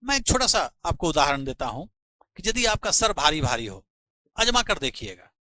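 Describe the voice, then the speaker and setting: Middle-aged male teacher, earnest and preachy, bright forceful tone, dry close sound. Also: fairly high pitch, very animated, no room sound, poor audio. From India. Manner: earnest, preachy, slows to stress points. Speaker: physics teacher. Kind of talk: motivational talk to students.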